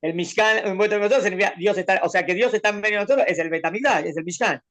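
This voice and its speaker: A man leads a Torah lesson, speaking in a somewhat high voice with plenty of creak and gravel. He explains patiently and keeps checking in with his student through questions. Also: racing, fairly bright tone. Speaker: rabbi teaching a Torah class.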